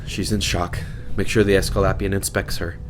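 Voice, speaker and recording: A man voicing a stern, weary woman army captain who gives calm, clipped orders. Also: low voice, fairly quick, over music, natural voice. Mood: grim.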